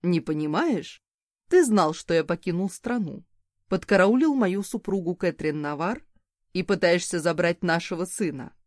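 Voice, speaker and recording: A woman reading an audiobook, voicing a mocking, commanding high-born man. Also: lively intonation, moderate pace, darkish tone, no echo, clean studio sound, close to an everyday voice.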